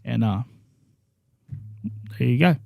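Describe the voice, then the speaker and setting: A man's voice: medium pitch, lively intonation, slow pace, vocal fry, mellow, dry recording, studio quality, soft background music. A man co-hosting a casual true-crime chat over drinks, telling the story with animation and teasing his friends. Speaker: podcast co-host.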